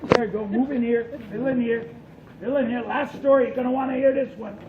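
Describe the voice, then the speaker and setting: Casting: male ghost tour guide, high voice, theatrical folksy storyteller, heard distantly in an echoing room. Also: fairly even intonation, a little fast. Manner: dramatic, folksy old-time storyteller. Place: tour venue among a group of visitors. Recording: echoey reverberant room, distant mic, dull noisy audio.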